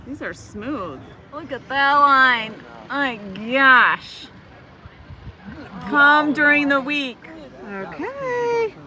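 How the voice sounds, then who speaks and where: A woman's voice: sits high, very slow, a crowd in the background. A woman chatting casually to the camera as she narrates an outing outdoors, given to exclamations. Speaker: travel vlogger. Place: outdoors at a mountain resort.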